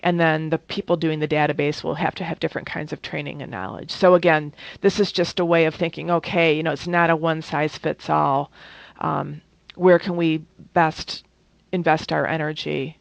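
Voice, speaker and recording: A woman's voice: low-pitched, little pitch movement, normal speed, gravelly, dry recording. A woman presenting a training workshop in a conversational way, with many fillers and restarts. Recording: dull, dry lo-fi recording.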